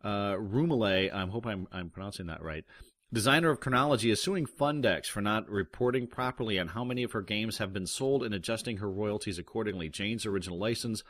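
A man's voice: fairly low pitch, lively intonation, fairly quick, fairly bright tone, no room sound. A man hosting a podcast, chatting casually through the news with lots of restarts and fillers. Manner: rambling, many restarts and fillers. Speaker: podcast host.

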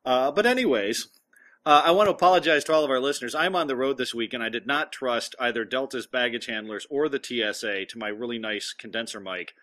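A man hosting a casual podcast with halting delivery, sounding inside a fishbowl through a headset earpiece in a large room. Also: medium pitch, bright, forceful tone. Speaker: podcast host. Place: large echoey room, travelling. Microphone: portable headset earpiece.

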